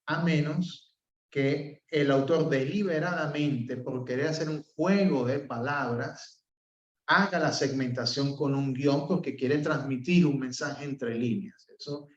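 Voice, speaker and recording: A man with a Venezuelan accent teaching an open class, explaining step by step, filling pauses with "eh" and checking in with "¿ok?". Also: mid-range voice, darkish tone. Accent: Venezuelan Spanish. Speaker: professor. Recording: roomy, distant, dull sound.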